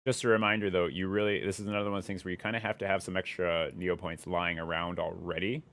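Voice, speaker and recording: A young man chatting casually on a live stream, rambling and thinking out loud as he follows his curiosity. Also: low-pitched, flat delivery, quick pace.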